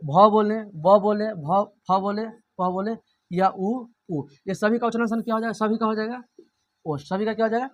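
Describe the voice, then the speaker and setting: A man's voice: sits high, normal speed. A man teaching a grammar lesson. He keeps asking and answering his own questions and repeats every point.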